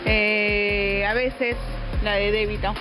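A woman's voice: mid-range voice, flat delivery, slow pace, poor audio. A woman gives short, resigned answers as a customer being interviewed. Her voice sits in the middle range, and background music plays beneath. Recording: background music under the report.

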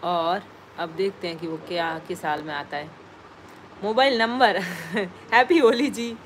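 A woman's voice: lowish voice, a little slow, background noise. Chatty woman hosting a live stream. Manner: chatty, reads out viewer names and greets them. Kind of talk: casual live-stream chat.

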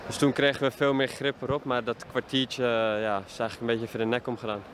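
A young man in his twenties, a football player answering post-match questions with many pauses and fillers, speaking into a handheld mic outdoors at a stadium. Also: medium pitch, little pitch movement. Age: 20s. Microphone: handheld reporter mic held up to him. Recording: faint outdoor noise.

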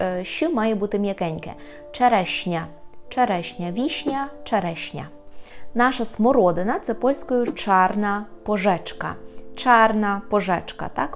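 Жінка-викладачка польської мови, яка пояснює слова й повільно, чітко повторює кожне кілька разів. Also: female voice, mid-range voice. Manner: repeats each word slowly and clearly. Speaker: Polish language teacher. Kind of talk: vocabulary lesson with repetition.

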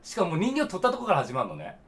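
A young man giving jokey, excitable commentary while playing a game. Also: high-pitched, rapid-fire. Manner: excitable, jokey, reacting out loud. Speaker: game streamer. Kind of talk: let's play commentary.

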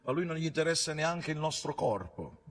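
A man preaching a fervent sermon as pastor at a church service, rising and falling sharply in loudness and pitch and putting rhetorical questions to the congregation. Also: expressive, a little fast. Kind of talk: Pentecostal sermon.

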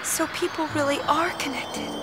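An actress playing a gentle, sweet and earnest young woman in a video game, sincere in her delivery. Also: high voice, wildly swooping pitch, moderate pace, loud music behind the voice. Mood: tender.

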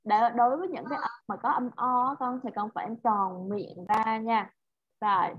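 A woman's voice: a little high, fairly even intonation, moderate pace, a little hiss or hum. A woman with a Vietnamese accent teaching English to a child in an online lesson, patiently drilling pronunciation and encouraging the student. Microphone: video call. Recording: dull, dry video call audio.

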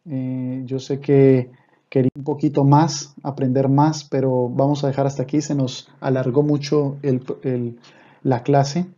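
Patient man teaching, dark muffled voice. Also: mid-range voice, level tone, measured pace. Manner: patient, repeats points, often checks in with listeners. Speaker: Hebrew teacher. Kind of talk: online language lesson. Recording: slightly dull, muffled recording.

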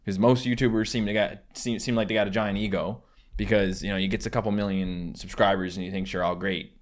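A man's voice: fairly low pitch, flat delivery, fairly quick. A man in his twenties from Newfoundland, speaking with a Newfoundland accent in a casual, hesitant, self-deprecating vlog style. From Newfoundland, Canada. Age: 20s. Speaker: gaming YouTuber. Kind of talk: casual vlog chat to camera. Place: small home room with acoustic foam, indoors.

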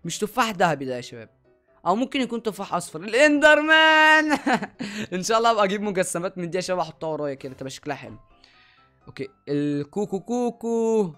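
A man's voice: high-pitched, lively intonation, racing, soft background music. A young man with an Egyptian Arabic accent hosting a reaction video, talking eagerly and exclaiming as he keeps calling out to his viewers. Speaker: YouTube reaction host. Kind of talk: excited reaction commentary.

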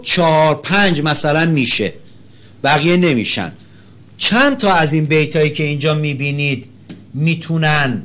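A male teacher leading an interactive class, calling on students by name, praising their answers and chanting syllables slowly to show the rhythm. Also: fairly high pitch, fairly bright tone.

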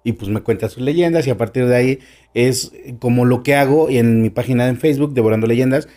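A man's voice: medium pitch, a little fast, warm tone. A man with a Mexican accent, a guest storyteller chatting on a podcast, shifting his tone and stressing words as he talks. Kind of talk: casual podcast conversation.

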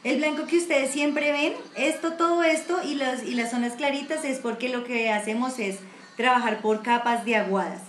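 Woman, Colombian accent, painting teacher, high voice, echoey room with faint noise. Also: normal speed, fairly bright tone. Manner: chatty, encouraging, uses many diminutives. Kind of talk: live online watercolor class. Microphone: computer mic on a video stream.

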